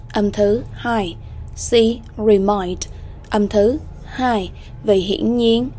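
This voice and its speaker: A woman teaching an English exam-prep lesson, slowly repeating English words and often checking in with students. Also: medium pitch, warm tone, a little hiss or hum.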